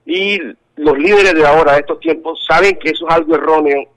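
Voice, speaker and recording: Heard through a tinny telephone connection, a Colombian man answers interview questions in a fairly high, slightly bright voice at a fairly quick clip. He is earnest, yet he keeps stalling and repeating words as he hunts for them.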